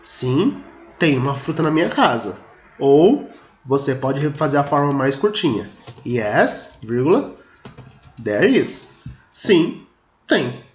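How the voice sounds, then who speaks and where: A male teacher giving a grammar lesson step by step, who reads example sentences slowly and deliberately and often says "look here" to the class. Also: a little high, big pitch swings. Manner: explains step by step, often saying "ó" and "olha só". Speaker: English teacher. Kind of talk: video lesson explaining grammar at a board. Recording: roomy, dull sound with faint noise.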